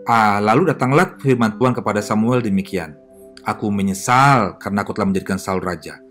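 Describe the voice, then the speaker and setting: A man preaching a sermon as a pastor, chatty and lively, asking the audience questions and correcting himself often. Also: fairly low pitch, fairly quick, faint music behind. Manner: filler-heavy, self-correcting delivery.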